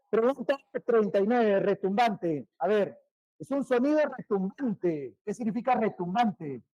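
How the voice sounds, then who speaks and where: A male teacher, giving a vocabulary lesson, repeating each word more and more quietly and quizzing his students. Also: high voice, dry recording, rough recording. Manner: repeats words, trailing off quieter, asks questions.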